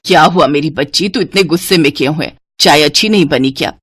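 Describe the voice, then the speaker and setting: A woman voicing a stern, short-tempered older mother-in-law in a storybook tale, speaking lower and scolding. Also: fairly quick, fairly bright tone, slightly rough. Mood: doting. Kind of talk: storybook voice acting.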